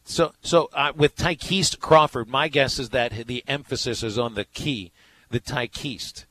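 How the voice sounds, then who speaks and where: A man's voice: mid-range voice, unhurried, bright, forceful tone, slight background noise, poor audio. A man co-hosting a sports radio show, talking casually and telling rambling stories with many restarts.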